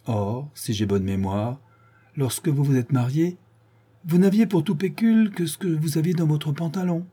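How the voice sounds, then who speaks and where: A man's voice: fairly high pitch, moderate pace, mellow, husky, voice pushed up. A man voicing a blunt, shrewd male village priest in a read-aloud story, scolding and lecturing.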